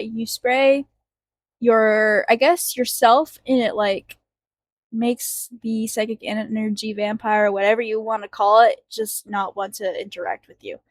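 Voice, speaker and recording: A woman's voice: on the high side, no echo. A woman co-hosting a podcast in casual chat, chatty and giggly, with many fillers. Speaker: podcast co-host.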